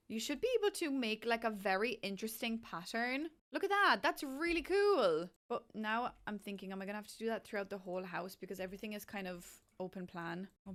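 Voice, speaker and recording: A woman's voice: on the high side, fairly bright tone. A young woman, chatting casually and self-deprecatingly while playing a building game, with exasperated asides. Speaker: gaming video creator. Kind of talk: casual gameplay commentary.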